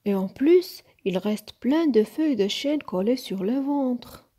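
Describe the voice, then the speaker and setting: A woman's voice: a little high, expressive, takes it slowly, dark tone, voice pushed up. A woman voicing a fussy, grumpy little boy who grumbles and insists in a storybook.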